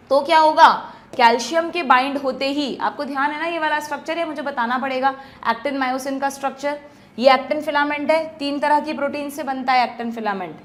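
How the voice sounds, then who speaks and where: High-voiced woman teaching biology. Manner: explains step by step, checks in with students. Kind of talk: exam-prep lecture at a whiteboard.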